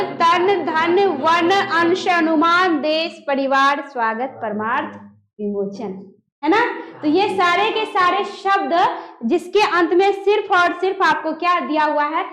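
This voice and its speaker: A woman's voice: extremely high pitch, fairly bright tone, echoey room. A woman teaching a Hindi grammar lesson, quizzing her students and often answering her own questions. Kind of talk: classroom-style grammar lesson.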